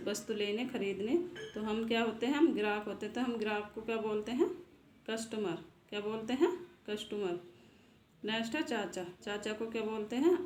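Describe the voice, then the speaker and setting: A woman's voice: medium pitch, darkish tone. A woman hosting a casual vocabulary lesson, asking a question and answering it herself, repeating each word twice. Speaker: channel host and English teacher. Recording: echoey room with faint noise.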